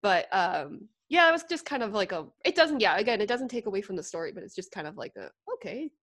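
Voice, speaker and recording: A woman's voice: mid-range voice, fast. A young woman co-hosting a podcast in casual chat, giggly and full of "like". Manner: giggly, animated, lots of "like". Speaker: podcast co-host.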